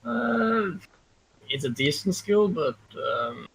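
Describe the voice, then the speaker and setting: Man, Norwegian accent, husky tone, hesitant, casual recap chat. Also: a little high, sing-song, slow, a bit bright, rough recording. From Norway. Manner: hesitant, many ums, self-deprecating. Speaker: co-commentator.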